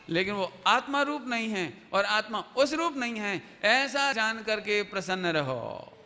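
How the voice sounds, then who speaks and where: A man's voice: high-pitched, sharp tone. A man giving a religious discourse, explaining with everyday examples and quizzing his listeners with questions. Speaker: Jain preacher. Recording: hall reverb, faint noise.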